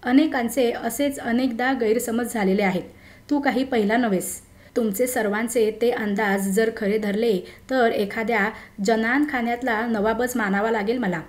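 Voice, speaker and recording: A woman's voice: a little high, steady tone, moderate pace, close to an everyday voice. A woman voicing a charming, playful young bachelor who answers with carefree, laughing ease, in a story reading. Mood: amused. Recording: roomy echo.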